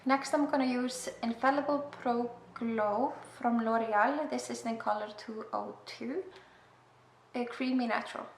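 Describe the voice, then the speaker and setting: In an echoey room with faint hiss, a makeup vlogger speaks at a measured pace in a voice on the high side with fairly even intonation. She is a young woman with an Icelandic accent, English her second language, chatting casually through a tutorial with self-deprecating asides.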